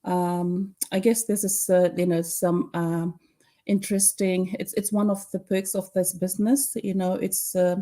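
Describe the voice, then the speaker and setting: A woman's voice: lowish voice, little pitch movement, a little slow, dark tone. An older woman from Fiji hosting an online live chat, talking with many hesitant fillers. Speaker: host.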